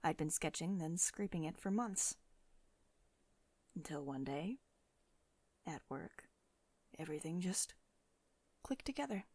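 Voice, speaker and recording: A woman with a lowish, mellow voice performs an ASMR roleplay as a rich, possessive tech CEO. She speaks intimately and deliberately, often dropping toward a whisper, with no room sound.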